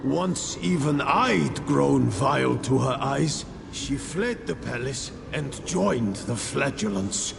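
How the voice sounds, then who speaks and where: A man voicing a tormented, remorseful ghost of a squire in a video game, pleading and halting with a gravelly voice. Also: medium pitch, expressive, heavily acted. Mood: sorrowful. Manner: anguished, halting, pleading delivery. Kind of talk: dramatic video game voice acting. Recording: long ghostly reverb, noisy ambience.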